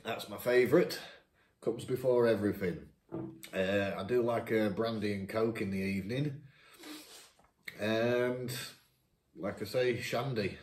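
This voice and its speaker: At home at his dining table, a 51-year-old man from Lincolnshire answers viewer questions for YouTube, reading each aloud and replying chattily while laughing at himself. He's unhurried, with long pauses, in a fairly low, slightly mellow voice. The echoey room is captured by a camera across the table.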